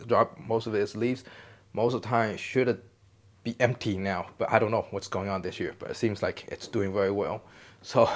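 A man with a somewhat low voice walks a phone camera through his indoor basement greenhouse. He talks casually and loosely, restarting sentences and dropping fillers as he points out each plant. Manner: relaxed, rambling explanations with frequent restarts and fillers. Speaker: gardening channel host. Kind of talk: casual plant tour walkthrough. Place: indoor basement greenhouse under grow lights.

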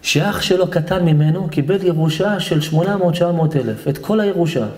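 A man, a rabbi giving an emotional, fervent sermon to a seated audience in a hall. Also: on the high side. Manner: fervent, repetitive, swings from soft to loud. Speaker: rabbi giving a Torah lesson.

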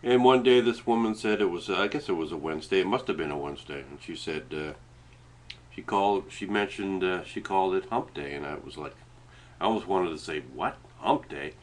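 Middle aged guy w a canadian maritime accent, low voice, stuffy nose, rambles along casually to his webcam. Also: a little fast. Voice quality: congested, stuffed-up nasal sound. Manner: rambling, hesitant, sometimes talking while eating. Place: small indoor room at home. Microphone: webcam setup at desk distance.

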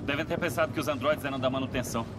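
A man's voice: mid-range voice, rapid-fire, heavy background noise, lightly acted. A man acting a businesslike police officer giving a matter-of-fact briefing in a video game dub. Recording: loud game music behind.

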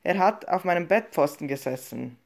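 A woman's voice: lowish voice, lively intonation, moderate pace, vocal fry, a little mellow. A woman voicing a frightened teenage girl who speaks in a tremulous, pleading way. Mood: fearful.

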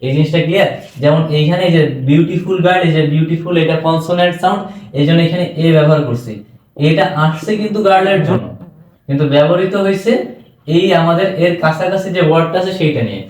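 A man's voice: fairly high pitch, fast talker, darkish tone. A man with a Bangladeshi Bengali accent giving an exam-prep English lecture, often checking whether students have understood. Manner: keeps asking students if they understood. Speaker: English teacher. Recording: echoey room.

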